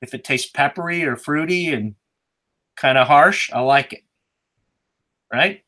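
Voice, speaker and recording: A middle-aged dad on a family video call with a bright, forceful voice. He rambles through relaxed explanations and slips in jokes as he goes, heard over the call's mic. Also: medium pitch. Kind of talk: casual chat.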